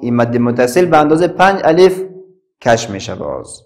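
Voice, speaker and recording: A man with an Afghan Dari accent teaching a Quran class, spelling out letters and vowels slowly and chanting the verses. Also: medium pitch, very animated, a little mellow, soft background music. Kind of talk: classroom recitation lesson.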